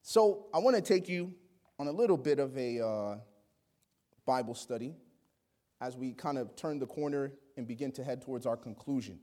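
A man preaching a sermon, swinging between loud exclamations and quiet asides and acting out the people he quotes. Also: mid-range voice, lively intonation, normal speed. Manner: acts out quoted voices.

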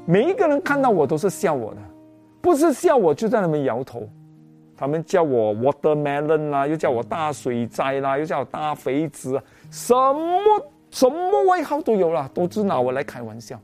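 A man with a Malaysian Mandarin accent giving a personal testimony, telling his story expressively with lots of 哦 and 啊 particles, over soft guitar music. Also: a little high, normal speed. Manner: animated storytelling, heavy use of particles 哦 and 啊. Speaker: testimony speaker.

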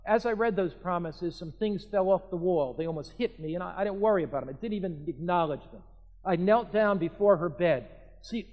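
A man's voice: high-pitched, big-room sound, lo-fi sound. An older man preaching a sermon as pastor, telling a story in an emphatic, earnest way.

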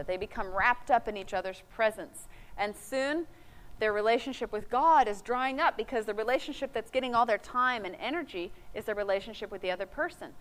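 A middle-aged woman teaching a sermon, earnest, quoting scripture and acting out quick asides. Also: fairly high pitch, a bit bright. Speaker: Bible teacher. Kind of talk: sermon talk.

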